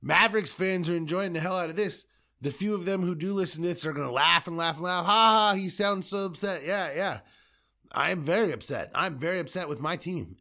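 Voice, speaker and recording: A fuming man on a solo sports podcast, swearing freely and repeating himself. His voice sits high and lurches up and down in pitch. One moment he is shouting, the next he is muttering. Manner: angry, profane, repetitive ranting; swings from loud outbursts to muttering. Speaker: podcast host.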